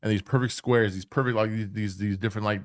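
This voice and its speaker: A man's voice: on the low side, fairly even intonation, quick pace, no echo, clean studio sound. A man co-hosting a podcast in casual chat, rambling and swearing, often restarting his sentences. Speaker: podcast co-host.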